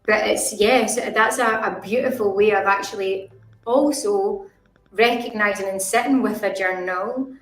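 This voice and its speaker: A woman's voice: mid-range voice, a little slow. A woman hosting a live-stream interview, reflecting on her guest's ideas and searching for words as she goes. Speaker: host. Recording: roomy echo.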